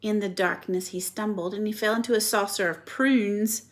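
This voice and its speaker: A woman's voice: medium pitch, steady tone, normal speed. A woman reading a children's chapter book aloud expressively, stopping to show the pictures.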